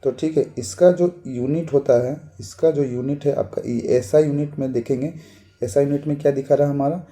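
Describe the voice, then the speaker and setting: A man's voice: a little high, fairly even intonation, normal speed, warm tone. A man giving a casual technical lesson, repeating terms and saying "thik hai" after nearly every point. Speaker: technical instructor.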